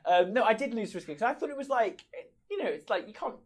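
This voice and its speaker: A man's voice: high voice, quick pace. Easygoing man, filler-heavy chat. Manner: relaxed, trailing off, filler-heavy, sometimes acting out characters. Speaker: podcast co-host. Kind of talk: casual film review chat.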